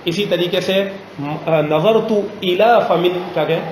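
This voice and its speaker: A man teaching a grammar lesson in a classroom, pausing often to ask students questions and slowing down on examples. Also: high voice, steady tone, noisy background. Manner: drills students with frequent check questions; slows down to spell out example phrases. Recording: roomy classroom echo.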